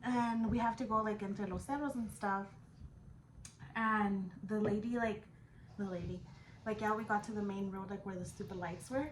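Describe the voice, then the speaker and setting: A woman in her 20s tells a personal story as a vlogger, chatting casually at a moderate pace in a medium-pitched, steady voice. She's slangy, swears casually, and switches between English and Spanish. The room is echoey, with background noise.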